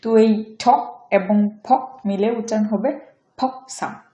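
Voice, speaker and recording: A woman's voice: medium pitch, little pitch movement, warm tone, lo-fi sound. Echoey woman teaching pronunciation. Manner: repeats each example phrase slowly several times. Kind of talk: online pronunciation lesson.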